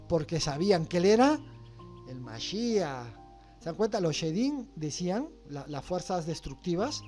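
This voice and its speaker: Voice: mid-range voice, darkish tone. A religious studies teacher, lecturing a class and checking understanding with repeated rhetorical questions.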